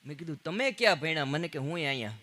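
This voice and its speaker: A man telling stand-up jokes on stage, trading quick quoted exchanges before punchlines. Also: fairly high pitch, lively intonation, pushed and bright. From Gujarat, India. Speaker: stand-up comedian. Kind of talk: live Gujarati stand-up storytelling.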